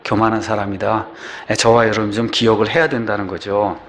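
A man's voice: fairly low pitch, brisk. An older man preaching a sermon as a pastor, often asking his listeners questions. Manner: animated, asks the congregation questions.

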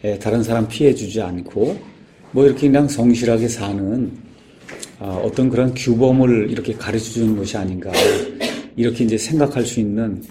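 A man giving an informal sermon, explaining patiently with frequent pauses and filler words. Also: lowish voice, background noise. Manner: halting, many "ye" fillers, explanatory. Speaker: guest speaker.

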